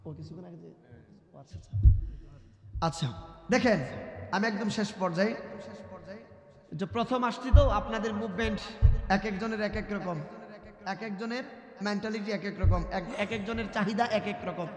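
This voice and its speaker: High-voiced preacher on echoing PA. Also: male voice, moderate pace, long pauses. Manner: chanted sermon delivery, breaks into sung English ghazal. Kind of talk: Bengali waz sermon.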